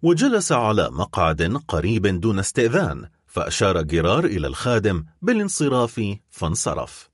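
A man narrates an audiobook with a husky, low voice. His delivery is expressive, with very lively pitch. The recording is dry and close. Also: fairly quick, dry recording. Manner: expressive storytelling.

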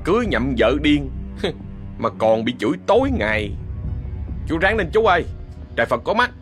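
Guy voicing a sympathetic onlooker, higher and lively, tutting. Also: moderate pace, soft background music. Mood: consoling. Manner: consoling, tongue-clicking. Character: sympathetic bystanders at a shop door.

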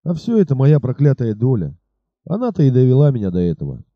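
A man voicing a fierce bearded robber chief in an audiobook, with a gruff, raised delivery. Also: mid-range voice, wildly swooping pitch, quick pace, no echo, highs cut off. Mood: pleading.

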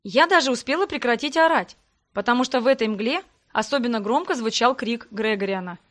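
A woman narrates a fantasy audiobook in the first person. Her reading is lively and expressive, in a fairly high voice. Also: fairly quick.

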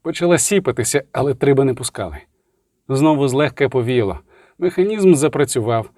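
A man's voice: medium pitch, lively intonation, fairly quick, darkish tone, no echo, studio quality. A man narrating a fantasy novel as an audiobook, telling it dramatically and shifting his voice for the characters.

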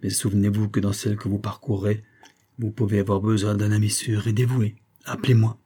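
A man's voice: fairly low pitch, little pitch movement, brisk, dark tone, breathy edge. A man reading an eager young lieutenant. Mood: warm.

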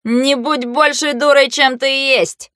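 A woman voicing a mocking, panicky young nobleman who swings from sneers to shrill outbursts, in a storybook reading. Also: unhurried, no echo, clean studio sound, close to an everyday voice.

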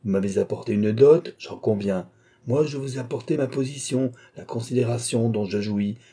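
A man voicing a domineering husband who sneers and shouts at his wife, in a dark, husky voice. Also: medium pitch, normal speed, pitched above the performer's own voice, close to an everyday voice. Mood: sneering.

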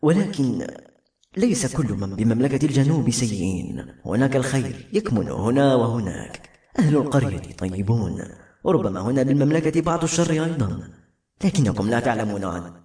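A man reading the lines of a gentle, motherly queen in a soft voice with a slight tremble, calm and measured. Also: mid-range voice. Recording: roomy echo with soft music.

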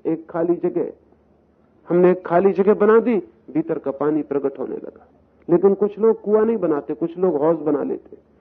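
A man giving a slow, deliberate spiritual discourse, building his points through parables, repetition and rhetorical questions. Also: high voice. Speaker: spiritual speaker. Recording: tinny, narrow-band, lo-fi recording.

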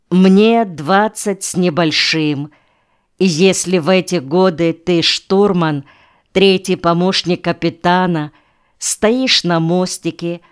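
A woman narrating an audiobook in a measured, unhurried reading with pauses between phrases. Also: lowish voice, clean tone. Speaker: audiobook reader.

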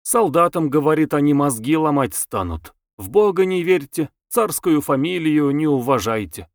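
Man reading as tired ironic young wife, soft and musing, slightly raised pitch, lively intonation, dry sound. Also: moderate pace, dry recording. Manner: soft, thoughtful, wryly ironic. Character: weary, ironic young wife, quiet and reflective. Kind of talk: audiobook character voice.

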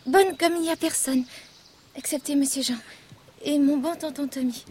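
An actress voicing a timid, gentle poor little girl in a radio drama, talking softly and pleadingly. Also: high-pitched, moderate pace, slight background noise, close to an everyday voice. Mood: tender. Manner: soft, pleading, childlike.

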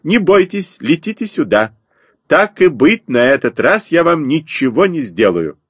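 A fat mother sparrow who chatters, scolds and fusses in a shrill, raised voice that swoops up and down, put on by a man reading a children's story. The tone is slightly husky and close to the mic in a dry room. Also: sing-song, measured pace, no echo, exaggerated voice. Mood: condescending. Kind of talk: audiobook character voice.

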